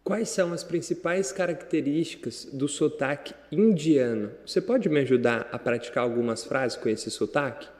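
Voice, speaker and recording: A man's voice: on the high side, moderate pace, few pauses, darkish tone, big-room sound. A man with a Brazilian Portuguese accent teaching an English lesson in a direct, chatty way, talking straight to the viewer. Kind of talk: casual online lesson.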